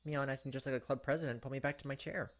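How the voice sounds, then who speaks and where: In a steady, mid-range voice, a man reads visual novel narration at a rapid-fire clip with asides. He hosts a let's play from a close desk microphone, game music in the background.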